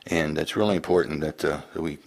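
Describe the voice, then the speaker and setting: Really low voiced man on a town board, talks in halting little chunks. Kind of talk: meeting remarks. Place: public meeting room.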